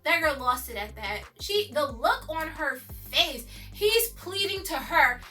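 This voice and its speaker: Bright high-voiced woman gushing over a TV episode. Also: a little slow, far from the mic, faint music behind. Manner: excited, chatty, slangy, addresses viewers as y'all. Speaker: TV episode recapper. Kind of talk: casual recap and review.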